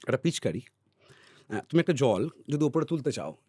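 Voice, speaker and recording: A man on a podcast explaining ideas at length in a teacherly way, often checking in with his listener and trailing off softly on repeated words. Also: medium pitch, very animated, moderate pace, no room sound, studio quality. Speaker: podcast guest.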